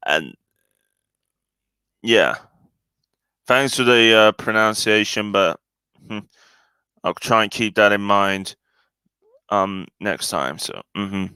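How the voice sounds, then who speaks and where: A man's voice: on the low side, slow, long pauses, sharp tone, smooth, no room sound. A man chatting casually on his own live stream, hesitant and full of fillers and restarts.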